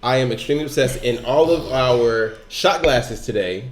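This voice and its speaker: A man's voice: mid-range voice, moderate pace, a little hiss or hum. Guy running the podcast, asks whos next, echoey sound. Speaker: podcast host. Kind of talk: casual chat.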